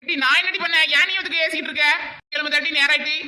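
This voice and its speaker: A harried young husband in a cartoon, voiced by a woman, grumbling in a Tirunelveli Tamil accent. The voice is high, very bright and races along. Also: fairly even intonation, slight background noise, rough recording. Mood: hurried. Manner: hurried, grumbling.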